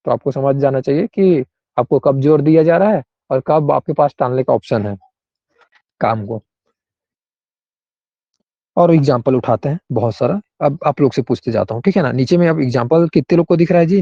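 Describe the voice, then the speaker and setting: A man's voice: medium pitch, mellow, dry recording. Man teaching grammar, dull sound. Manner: explains with repeated checks, questions students by name. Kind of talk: online class explanation.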